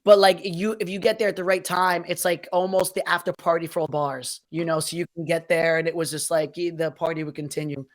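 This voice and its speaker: A man's voice: on the high side, level tone, a little fast, hardly any pauses. Podcast guest, man, easygoing, rambly, jokey. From New Jersey. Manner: rambling, playful exaggeration. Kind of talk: casual chat.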